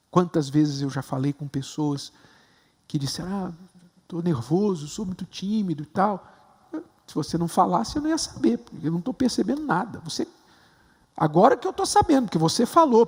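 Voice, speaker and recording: A man with a Brazilian Portuguese accent, a bishop preaching a sermon with emphatic rises to stressed high points. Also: slightly rough, long reverb tail. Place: large temple hall.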